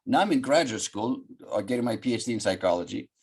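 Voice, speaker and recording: An older man from Greece, a psychologist guest telling a story on a video call from his home office, in an animated, gesturing way. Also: mid-range voice, fast, breathy edge. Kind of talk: storytelling interview.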